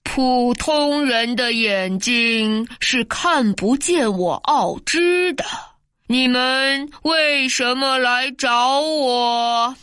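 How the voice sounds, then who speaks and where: A woman reading a storybook aloud and voicing a timid, bald little old male wizard who speaks slowly with a trembling voice. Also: high-pitched, fairly bright tone, clear, resonant tone, no room sound, studio quality, voice pushed down, heavily acted. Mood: solemn. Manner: slow and trembling.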